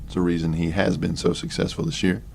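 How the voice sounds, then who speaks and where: A young man calling a college baseball game play by play, relaxed and chatty, with offhand asides between pitches. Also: fast talker, vocal fry, noisy background. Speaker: play-by-play announcer. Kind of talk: sports commentary.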